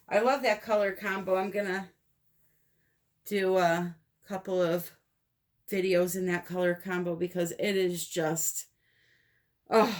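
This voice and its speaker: An American woman with a chatty, easily amused manner, narrating her acrylic pour painting in a casual video. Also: fairly low pitch. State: recovering from illness. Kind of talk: casual art tutorial narration.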